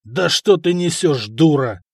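A man's voice: fairly high pitch, sing-song, normal speed, darkish tone, slightly rough, no room sound, studio quality. A man voicing a blustering but timid middle-aged chieftain who bickers with his wife. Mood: angry.

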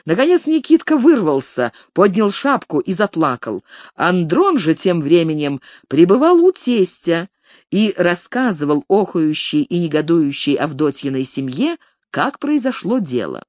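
Audiobook narrator, literary reading, lively intonation, dry close recording. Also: mid-range voice, a little slow, no echo. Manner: expressive, varied intonation.

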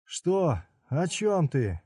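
Brief: a male reader plays a frantic hot-tempered man in agony, yelling high and shrill, storybook reading, dry sound. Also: big pitch swings, slow pace, no room sound, exaggerated voice.

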